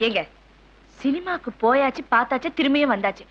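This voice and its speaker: A patient wife who soothes her quick-tempered husband and defends the children. Her voice is slightly high and moves a lot as she pleads. The dull, hissy sound of an old film track lies under her voice. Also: animated. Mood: pleading. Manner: pleading, soothing, gently reproachful. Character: patient middle-aged wife calming her angry husband. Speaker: wife and mother. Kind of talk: film scene acting.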